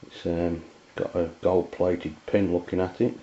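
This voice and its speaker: Hesitant and plain-spoken, an Englishman with a very low voice gives an unscripted, hands-on review of amateur radio gear in a flat delivery. The dull, lo-fi sound suggests a handheld camera's mic, with a little hiss or hum underneath.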